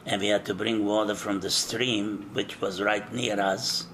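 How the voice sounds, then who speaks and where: An older man from eastern Czechoslovakia giving an oral history interview, recalling things in a slow, measured way with frequent hesitations. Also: fairly low pitch, flat delivery, a bit bright, a little hiss or hum.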